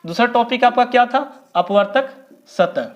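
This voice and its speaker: A man giving a physics lesson, who keeps asking the class questions, answers them himself, and repeats key terms slowly. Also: extremely high pitch, lively intonation. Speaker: physics teacher. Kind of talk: blackboard lecture.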